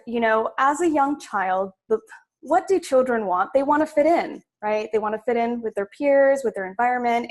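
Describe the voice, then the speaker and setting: A young adult woman from Sudan, a stylist guest, talking chattily in a casual interview with many fillers. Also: a little high.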